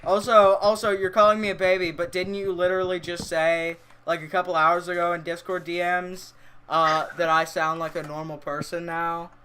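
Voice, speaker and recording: A young man in casual voice chat, teasing a friend and swearing often in deadpan mock arguments. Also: high-pitched, normal speed.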